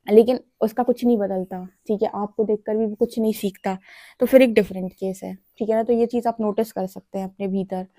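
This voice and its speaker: A woman's voice: medium pitch, warm tone, dry recording, studio quality. Chatty woman giving a tarot reading. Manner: chatty, repeats "theek hai?" as a check-in. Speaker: tarot reader. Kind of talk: casual spoken tarot reading.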